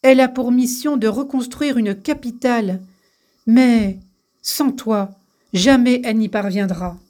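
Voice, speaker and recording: A woman reading the part of a gentle, regal queen who speaks softly and pleads for help. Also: on the high side, unhurried, close to an everyday voice. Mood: pleading. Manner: soft-spoken, pleading.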